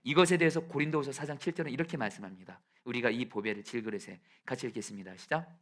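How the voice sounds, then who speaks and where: A man preaching a sermon in a church sanctuary, with a voice of ordinary pitch for a man. He drops to hushed, near-whispered lines, then climbs to loud, shouted peaks. Every so often he calls the congregation to read scripture aloud with him. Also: quick pace. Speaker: pastor.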